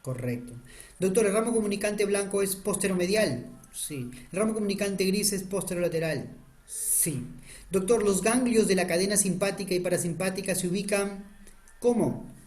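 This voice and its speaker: Speaking at normal speed in a high, darkish voice, a man teaches anatomy online, sketching on a diagram. He quizzes his students, answers his own questions, and repeatedly and urgently asks for their attention.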